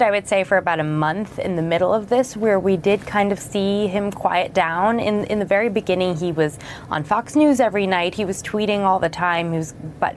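A woman reporter explaining her reporting in a news interview, measured and explanatory with occasional fillers. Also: medium pitch, slight background noise. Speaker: newspaper reporter as guest.

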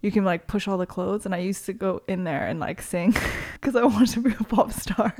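Brisk and a little mellow, her mid-range voice carries through a relaxed interview where she's the guest. She's a young DJ and promoter from South Korea who grew up in Toronto, laughing readily and peppering her speech with "like."

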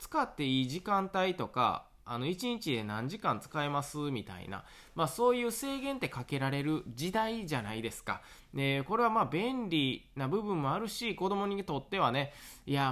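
A man's voice: medium pitch, a bit bright. A man in his thirties with a Kansai Japanese accent talks alone on his own radio show. His voice swings up and down a lot as he rambles through a story, stopping often for fillers. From Awaji Island, Japan. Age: 30s. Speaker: podcast host and farmer. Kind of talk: casual solo radio talk.

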